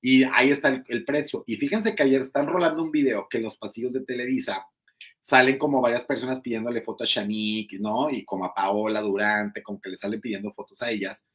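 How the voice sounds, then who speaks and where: A man's voice: fairly even intonation, fairly quick, fairly bright tone. Male host with a Mexican accent for celebrity gossip chat, talkative and mocking. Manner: chatty and gossipy, with lots of fillers; mimics others in a high, mocking voice. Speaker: entertainment show host. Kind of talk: casual gossip commentary.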